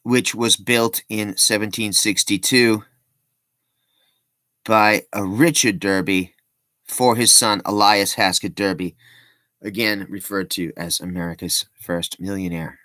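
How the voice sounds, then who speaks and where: A man's voice: on the low side, fairly even intonation, measured pace, bright, forceful tone, no echo. A man giving casual, rambling commentary as a vlogger, breaking off with joking asides and plenty of ums and restarts.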